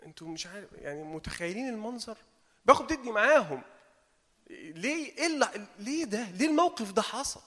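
Fast-talking Egyptian preacher in a hall. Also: male voice, high voice. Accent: Egyptian Arabic. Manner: animated, asks the audience rhetorical questions. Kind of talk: informal sermon. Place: meeting hall.

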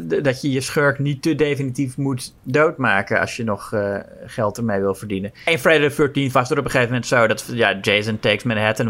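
Man, mid-pitched voice, casual film talk, hesitant, repeats words, laughs often. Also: fairly bright tone.

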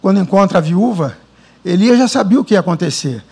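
A man from Brazil preaching a sermon, telling his own story with dramatic pauses and animated delivery. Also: high voice, gravelly, husky. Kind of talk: sermon with personal testimony.

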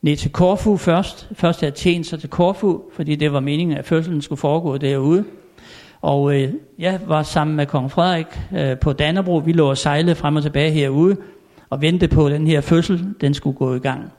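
An older man telling anecdotes in a chatty way, chuckling often and filling pauses. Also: on the high side, fairly even intonation, darkish tone. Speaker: storyteller. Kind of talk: anecdotal storytelling.

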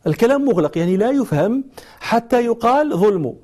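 A man giving a religious lesson, telling a story and patiently explaining grammar with lively rhetorical questions. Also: very high-pitched, a little fast. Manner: explains grammar patiently, acts out quoted dialogue. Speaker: Islamic scholar and teacher.

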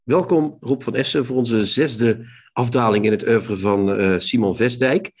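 A man with a slightly husky, breathy voice talks about literature on a podcast. He circles his points with fillers and restarts, at an ordinary pitch. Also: measured pace, soft background music. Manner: hesitant, many fillers and restarts. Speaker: podcast host.

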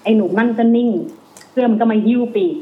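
A woman telling a ghost story in casual, animated chat, acting out voices as she goes. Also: on the high side, quick pace. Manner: animated, acts out quoted voices in dialogue. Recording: tinny phone line with faint hiss.

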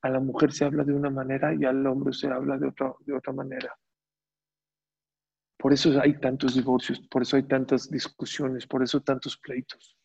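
A man's voice: medium pitch, monotone, normal speed, creaky, a little mellow, slightly rough. A man giving a religious lecture, asking his audience rhetorical questions and repeating phrases for emphasis. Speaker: Torah teacher. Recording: dull, slightly muffled recording.

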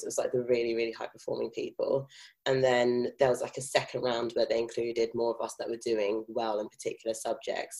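A young woman with a soft South London accent speaks as an interview guest. She tells personal stories in a candid, casual way, with informal, unpolished phrasing. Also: extremely low pitch, low-quality recording. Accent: mild South London. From South London, England. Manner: informal, frequent swearing and filler "like".

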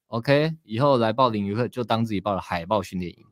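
A man's voice: lowish voice, fast talker, no room sound, studio quality. A man with a Taiwanese Mandarin accent, coaching in a casual chat, talking bluntly and sternly. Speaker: dating coach.

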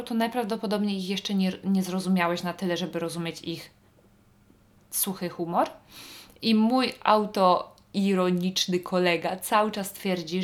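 A Polish woman hosting a podcast, talking in a chatty, wry monologue with frequent fillers. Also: on the low side. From Poland. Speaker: podcast host. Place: northern Norway.

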